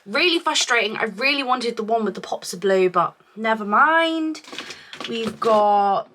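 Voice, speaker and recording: A woman beauty vlogger with a bright, forward voice that sounds chesty from a cough. She talks at an unhurried pace, casually thinking aloud as she reviews products for the camera. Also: a little high, expressive. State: chesty from a week-long cough.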